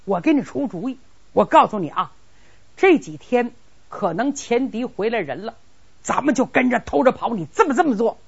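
A woman voicing a lisping, scheming teenage boy who talks in excited, drawn-out exclamations, on a dull lo-fi recording. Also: on the high side, gravelly, slightly rough, full character voice. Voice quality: lisp.

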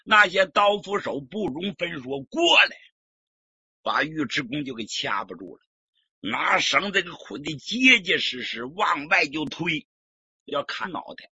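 Storyteller guy, super lively, bright husky voice, lo-fi recording. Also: a little high, unhurried, dry recording. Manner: lively, dramatic, colloquial asides to listeners. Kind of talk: traditional storytelling performance. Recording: dull lo-fi recording.

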